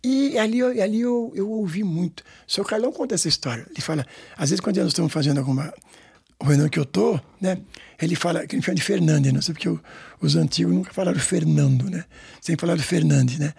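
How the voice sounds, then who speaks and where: Speaking at a quick pace, this man's voice runs on the high side with a darkish, gravelly, husky quality. He is a samba school director from Brazil, in his sixties, with a São Paulo Portuguese accent. His interview stories ramble, circling back through repeats and tag questions.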